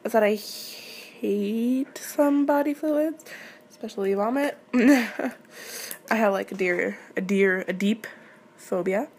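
Speaking slowly at a medium pitch, this Québécoise creator sounds a little mellow, with slight noise in the background. She is a French-speaking young adult, late teens or so, answering questions from her listeners. Her manner is relaxed and unsure, full of giggles, candor and tangents.

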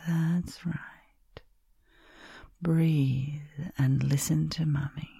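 A woman whispers close to the microphone in a soft, gravelly hush, unhurried and gentle. Her low voice stays dark and breathy as she coaxes the listener to rest. The sound is dry and intimate. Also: fairly even intonation, no echo. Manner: soft, slow, soothing whisper. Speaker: comforting caretaker in a roleplay. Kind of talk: whispered ASMR sleep roleplay.

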